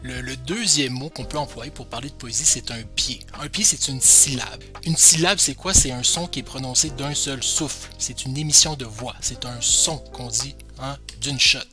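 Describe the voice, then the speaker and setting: A man's voice: mid-range voice, moderate pace, few pauses, music in the background. A man teaching poetry basics in a chatty, self-deprecating, joking way. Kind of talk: casual explanatory lesson.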